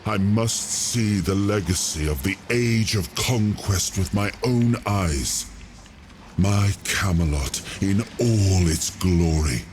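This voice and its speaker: Weary ghostly king for a fantasy game, deep voice, regal and solemn, noisy background. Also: lively intonation, takes it slowly, a little mellow. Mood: proud. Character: weary spirit of fallen King Arthur, noble, incomplete. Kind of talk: dramatic video game acting.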